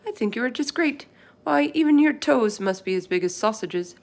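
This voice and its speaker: A woman's voice: on the high side, lively intonation, normal speed, gravelly, pitched above the performer's own voice. Curious, kind little girl from a storybook, read by a woman, proper, earnest and questioning. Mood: reassuring. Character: young girl, curious, shocked, polite and kind.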